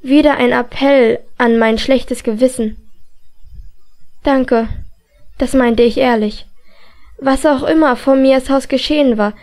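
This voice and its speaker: A woman narrating a novel in the first person as an audiobook reader, calm and measured. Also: sits high.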